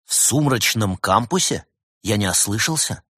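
A man's voice: on the low side, expressive, normal speed, a bit bright, slightly rough, dry recording. A man voicing a stern, exasperated male animal brother in a storybook reading, with a dry, sardonic way of talking.

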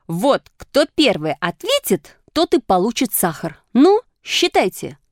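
A woman voicing an eager, bossy schoolboy in a raised, excited boyish voice. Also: fairly high pitch, a little slow, dry recording, clean studio sound, pitched above the performer's own voice, full character voice.

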